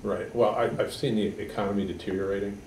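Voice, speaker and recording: A man in his sixties from Connecticut, a political candidate giving halting, measured answers in an editorial board interview. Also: fairly low pitch, steady tone, darkish tone. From Connecticut, USA. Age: 60s. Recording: echoey room, mic far off, background noise.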